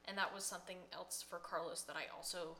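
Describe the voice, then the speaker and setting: A woman's voice: on the low side, fairly even intonation, fairly quick, sharp tone. A woman hairstylist co-hosting a podcast from home, giving casual advice with many fillers. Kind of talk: casual chat.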